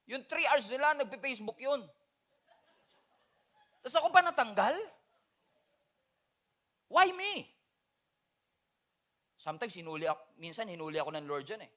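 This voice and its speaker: A man, a pastor preaching a sermon, swinging between loud appeals and quiet, confessional passages. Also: high-pitched.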